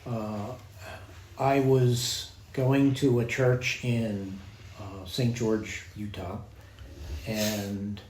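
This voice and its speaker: An older man, a priest from Baltimore with a slight Baltimore accent, telling stories in an unhurried, reflective way as a podcast guest. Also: mid-range voice, a little mellow. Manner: reflective, unhurried, with small restarts. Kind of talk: relaxed storytelling interview. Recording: echoey room with faint noise.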